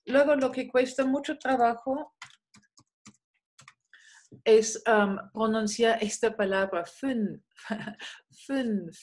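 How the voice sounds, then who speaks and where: A woman teaching German in an online video-call class, relaxed, with many fillers, slowly modelling German sounds. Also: fairly high pitch.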